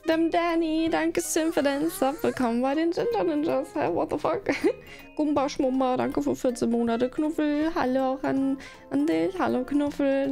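A woman's voice: sits high, vocal fry, darkish tone. A woman live streamer chatting casually, giggling and teasing as she thanks viewers one after another, in a sleepy morning mood.

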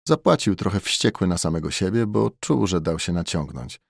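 Deep-voiced male audiobook narrator. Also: big pitch swings, moderate pace, gravelly, no echo, clean studio sound.

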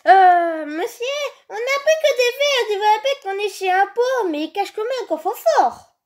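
A woman's voice: very high voice, expressive, unhurried. A woman with a youthful voice doing improvised, slangy, exclamatory role-play over video game footage. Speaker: gaming video creator voicing characters. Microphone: handheld phone filming a screen.

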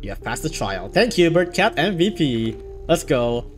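Excitable man doing game commentary. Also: fairly high pitch, moderate pace, faint music behind. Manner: excitable, bursts into laughter and exclamations. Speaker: gaming YouTuber. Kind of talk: let's play commentary, reading game text aloud.

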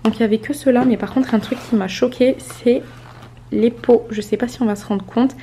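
A woman's voice: fairly high pitch, fairly even intonation, brisk, warm tone, slight background noise. A woman in her twenties from France chatting casually through a grocery haul, showing items to the camera with many fillers. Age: 20s. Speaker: vlogger.

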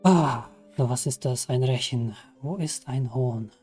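Chatty German-speaking gamer, excitable. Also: male voice, mid-range voice, a little slow. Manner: chatty, excitable, exclaims often. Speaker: let's play gamer. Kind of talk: live game commentary. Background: game music.

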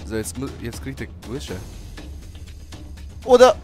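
A young man giving excited gameplay commentary, swinging from low mumbling to sudden shouts. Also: quick pace. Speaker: gaming streamer. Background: game music.

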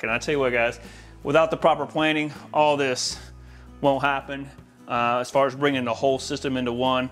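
Inside a big, largely empty house, an American installer in his forties leads an eager, casual tour for the camera. His voice is fairly high and slightly bright. He works installing home audio and video.

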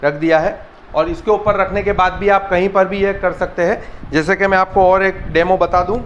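In a small tool shop, a man casually demos a laser leveler, explaining every step and repeatedly telling viewers to look. His high voice has fairly even intonation at normal speed and echoes around the room. Someone else filmed it on a handheld camera, and the audio is slightly dull with a faint hiss.

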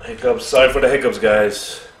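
Excitable man narrating his gameplay. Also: mid-range voice, normal speed, a little hiss or hum. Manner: excitable, thinks aloud, repeats himself. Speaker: gaming commentator. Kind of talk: casual let's-play commentary. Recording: roomy echo.

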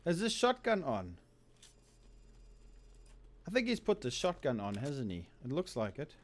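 A man's voice: a little high, measured pace. Zimbabwean man streaming a shooter game. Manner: casual, excitable, laughs often, calls viewers bro. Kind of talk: live gameplay commentary.

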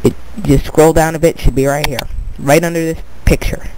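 Talking through his screen-recorded tutorial, this tutorial maker sounds congested, his slightly high voice steady in tone, darkish, and moderately paced. He rambles, says "but anyway" again and again, and restarts words, all over a rough recording with a little hiss or hum.

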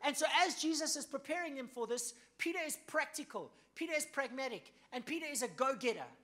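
A pastor from South Africa preaching a sermon in a punchy, emphatic way, swinging between loud bursts and hushed asides and often checking in with "okay?" and "right?". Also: male voice, very high-pitched, lively intonation, fairly quick.

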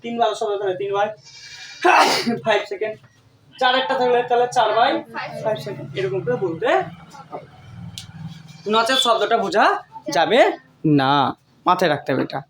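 A woman's voice: mid-range voice, normal speed, pauses often. A woman tutor teaching a classroom lesson, explaining step by step and often asking her students questions. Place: tuition classroom. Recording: echoey room, distant mic, faint noise.

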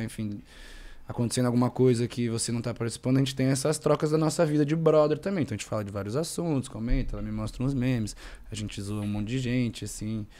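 Young man, actor guest, casual podcast chat, quick, mid-range pitch, slangy, rambling, animated.

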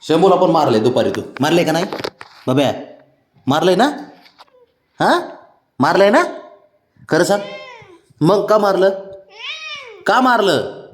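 A man's voice: a little high, animated, normal speed, long pauses, a little hiss or hum. A man talking casually to his pet cat, mock-scolding it and then coaxing it fondly. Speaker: cat owner.

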